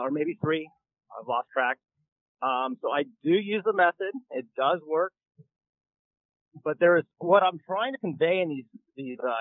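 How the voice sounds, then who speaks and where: A man's voice: fairly high pitch, no room sound. A man calling in to a radio show on his phone's speaker while driving, explaining his points earnestly and checking in with "okay?" as he goes. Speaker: caller. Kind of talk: call-in radio caller. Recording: tinny dry phone line.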